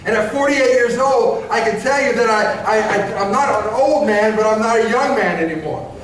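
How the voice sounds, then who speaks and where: A pastor in his forties delivers a sermon in a church sanctuary, his high, slightly bright voice conversational as he asks the congregation questions. He halts often, with many restarts and stammered repeats. The recording is very echoey, and he sounds far from the microphone.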